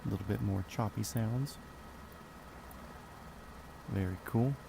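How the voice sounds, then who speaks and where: A man's voice: on the low side, slow pace, creaky, background noise. A man streaming a flight simulator, chatting casually in a rambling, profane, offhand way from his home gaming room at a desk mic. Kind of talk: casual live-stream chat.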